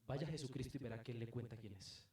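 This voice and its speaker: A man's voice: mid-range voice, fairly even intonation, fast talker. Colombian man, pastor, emphatic sermon delivery with rhetorical questions; very reverberant church hall, distant mic. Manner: emphatic preaching with rhetorical questions, swinging between loud and soft. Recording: very echoey room, mic at a distance.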